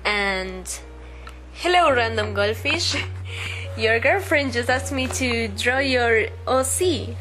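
With a fairly high voice and slow delivery, a young Uruguayan woman with a Spanish accent, whose native language is Spanish, chats hesitantly over a speedpaint, answering viewer questions with many ums and restarts. The recording is rough, backed by soft music.

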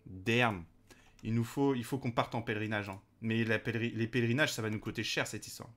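A man's voice: fairly low pitch, brisk, fairly bright tone. Man hesitantly musing over a game. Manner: hesitant, many fillers, talks to game characters. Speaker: let's play host. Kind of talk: casual gameplay commentary.

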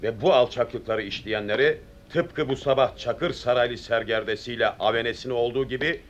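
An actor playing a stern, resolute middle-aged army captain, speaking in measured, authoritative, oratorical sentences in a period film. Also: male voice, mid-range voice, fairly bright tone, dull audio, close to an everyday voice. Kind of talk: period film drama acting.

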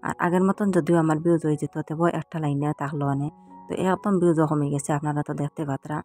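A woman's voice: deep voice, darkish tone. A woman in her thirties with a Sylheti accent, talking casually and earnestly to her viewers in a village vlog. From Sylhet region, Bangladesh. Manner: pleading, earnest. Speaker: village lifestyle vlogger.

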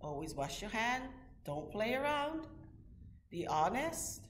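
Slow-speaking woman pastor, echoey church. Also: fairly high pitch, very animated, a little hiss or hum. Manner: slow, patient, questioning a child. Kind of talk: children's message. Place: church sanctuary. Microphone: far camera. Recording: echoey room from far off.

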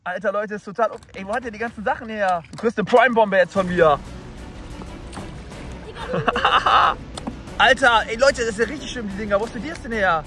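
A young man vlogging from a boat on cold water, loud and exclaiming to his viewers, freezing and shivering. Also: sits high, fast, few pauses, faint music behind. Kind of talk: excited outdoor challenge vlog.

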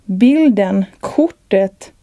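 A weary sick mother who mumbles, quietly confused, as a woman reads her lines. Her voice is deep-toned and mellow, heard close and dry. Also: lively intonation, no room sound, close to an everyday voice.

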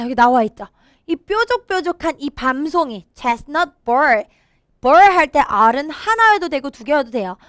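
High-voiced woman teacher, animated storybook lesson, explains word by word. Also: dry recording, studio quality. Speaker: English teacher. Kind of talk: storybook read-aloud lesson.

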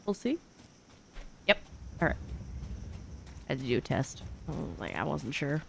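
A young woman's deep, creaky voice turns sing-song at a normal speed, fairly bright, over a slight hiss or hum. She is a video game streamer and speedrunner chatting casually on a livestream from her small indoor streaming room, close to the mic, candid and sweary as she voices her thoughts.

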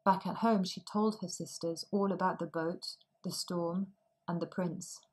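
A woman reads a fairy tale aloud for language learners, slow and clearly articulated. Her voice sits a little low, and she gives each sentence room. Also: steady tone, darkish tone, rough recording. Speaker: storyteller. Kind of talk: storybook narration for language learners.

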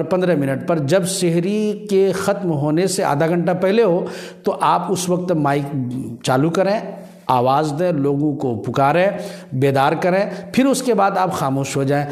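Speaking to camera with religious advice, a man in his thirties talks formally, working through each point in a measured way like a cleric addressing viewers. His voice is slightly high, with a darkish tone.

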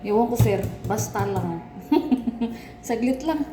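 A woman's voice: on the high side, animated, takes it slowly, over music. A woman vlogging in casual chat from her office, talking to herself and laughing often. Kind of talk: casual vlog talk. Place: office at work. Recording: echoey room with background noise.

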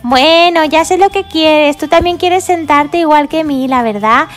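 A woman's voice: high voice, a little slow, soft background music, voice pushed up. A woman voicing a cheerful little girl pig who fusses over her baby dolls with doting sighs. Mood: fussing. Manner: fussy, doting, sighing often.

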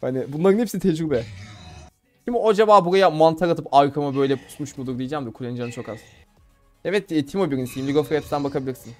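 A man's voice: a little high, very fast, a little mellow, faint music behind. A young man from Turkey giving casual, playful commentary on his own gameplay, laughing and talking to viewers. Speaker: gamer streamer.

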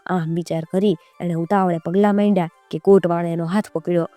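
A woman storyteller narrating a folk tale in a lively, rhythmic way. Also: on the low side, fairly quick, no room sound, faint music behind.

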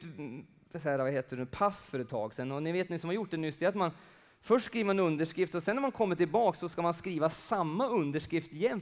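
Swedish man preaching, loud then hushed. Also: on the high side. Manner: swings between loud emphatic peaks and hushed, near-whispered passages; conversational, with asides and everyday examples. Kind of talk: sermon.

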